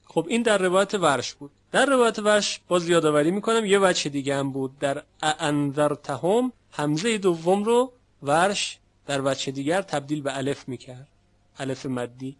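A man teaching Quran recitation in a lecture, explaining patiently and slowing down to demonstrate how sounds are pronounced. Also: a little high. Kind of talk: classroom lecture.

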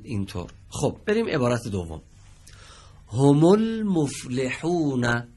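A man teaching Quranic Arabic reading on a TV studio lesson, patient, asking the students questions and repeating their answers. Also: mid-range voice.

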